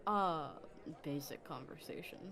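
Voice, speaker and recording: A woman playing a tabletop role-playing game, soft-spoken and a little hesitant. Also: sits low, measured pace, a crowd in the background. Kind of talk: casual play chat.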